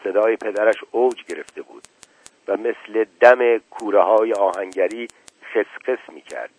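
A man's voice: on the low side, slightly rough, low-quality recording. Man reading a novel on radio. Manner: calm, courteous, hesitant fillers in chat. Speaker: radio book reader.

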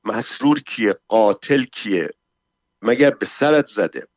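A man's voice: lowish voice, expressive, dry recording, dull audio, lightly acted. A man voicing a weary, blunt male guard who talks to his coworker with impatience and exasperation. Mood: impatient.

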